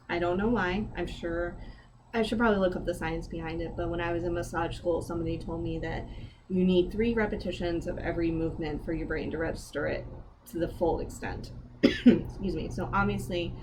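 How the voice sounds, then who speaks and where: A woman wellness instructor leading a guided breathing lesson, candid and gently encouraging, with self-deprecating asides. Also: on the low side, background noise.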